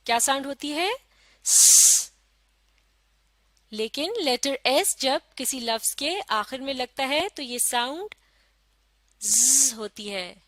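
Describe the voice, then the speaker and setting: A woman teaching a phonics lesson, sounding out letters slowly and asking questions for children to answer. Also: high-pitched, animated, fairly bright tone, dry recording. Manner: slow, drawn-out sounding of letters with call-and-response questions.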